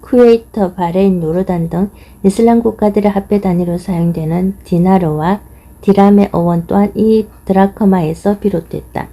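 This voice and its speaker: A woman reading a nonfiction book aloud in measured, steady scripted narration. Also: mid-range voice, poor audio. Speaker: audiobook reader.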